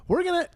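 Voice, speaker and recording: A man's voice: a little mellow, slight background noise. A man hosting a casual sports watch-along stream, swearing and laughing often into a headset mic. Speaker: livestream host.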